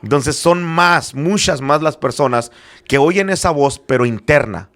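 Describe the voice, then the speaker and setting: Gravelly-voiced middle-aged man teaching. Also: on the high side, measured pace, a bit bright. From Spanish-speaking background, living in Arizona. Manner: earnest, with frequent hesitant fillers. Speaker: apostle and church founder.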